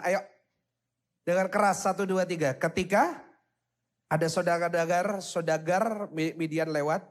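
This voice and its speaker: High-voiced man preaching to teens. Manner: jokey and self-mocking, teasing the crowd. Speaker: youth pastor. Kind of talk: lively youth sermon with audience call-and-response.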